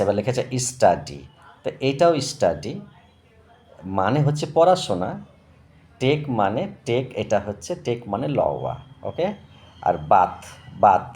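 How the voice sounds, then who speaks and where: A man's voice: lowish voice, a little mellow. A man tutoring young pupils in English words, explaining patiently and checking they follow. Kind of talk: recorded English vocabulary lesson for young pupils.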